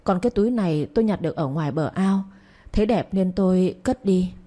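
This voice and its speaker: A woman reading the part of an old female servant who hurls abuse and then pleads, in a low, mellow voice. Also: animated, fairly quick. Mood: pleading.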